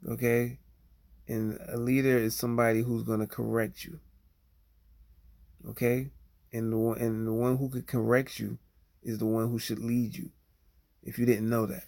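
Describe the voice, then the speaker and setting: A man speaking at a middle pitch with a gravelly, creaky edge to his voice. He talks straight to his viewers in a loose, rambling way, full of fillers and restarts, and keeps checking in with "you know what I'm saying?". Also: level tone, moderate pace, long pauses, darkish tone. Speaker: livestreamer. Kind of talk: casual livestream monologue.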